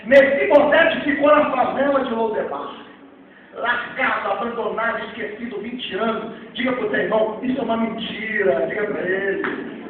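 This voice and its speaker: A man with a Rio de Janeiro Portuguese accent preaching a Pentecostal sermon, swinging from hushed asides to shouted exclamations. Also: extremely high pitch, normal speed, phone-quality sound. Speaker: pastor. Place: church hall. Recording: echoey, far-off hall recording with faint noise.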